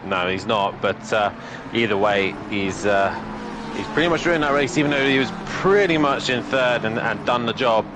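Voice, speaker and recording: A man's voice: medium pitch, moderate pace, background noise. A man giving live motorsport commentary and race analysis as a co-commentator.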